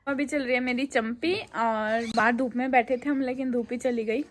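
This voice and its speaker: A young woman with a slightly high voice chats casually at home for her vlog. She talks straight to viewers and keeps coaxing her toddler, her phone close by. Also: steady tone, moderate pace, a little hiss or hum. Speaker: vlogger and mother. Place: at home and in a car.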